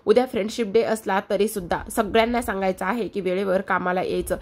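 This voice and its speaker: A woman's voice: mid-range voice, fairly even intonation, quick pace, lightly acted. Parth, as a woman puts him on, a stern young businessman. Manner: curt, commanding.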